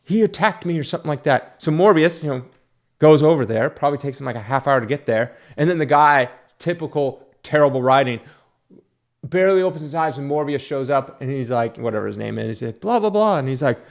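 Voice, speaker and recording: A man's voice: medium pitch, brisk, gravelly. A man giving a casual, ranting film review in an exasperated, mocking way.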